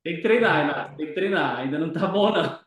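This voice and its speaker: Brief: upbeat male mentor, slightly high voice, very echoey room. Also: quick pace, over a noisy crowd. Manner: energetic, coaching, drills by example. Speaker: mentor hosting a group session. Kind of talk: casual mentoring chat.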